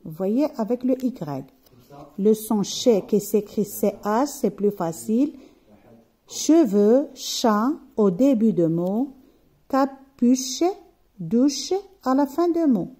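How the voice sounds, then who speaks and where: A woman leads a phonics lesson at a very slow, deliberate pace. Her voice sits a little high but sounds soft and mellow. She sounds out each syllable and often stops to check that her students are following. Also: expressive, breathy edge. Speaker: teacher.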